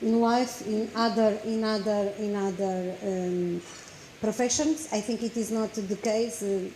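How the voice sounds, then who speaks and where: Woman, flat, mellow, hesitant with fillers. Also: medium pitch, measured pace, a little hiss or hum. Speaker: panelist. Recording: echoey room with faint ambience.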